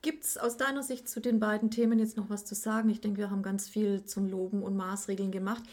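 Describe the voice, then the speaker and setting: A woman's voice: mid-range voice, flat delivery, fairly quick, a little mellow. A woman hosting a casual chat, asking questions hesitantly with fillers and checking back.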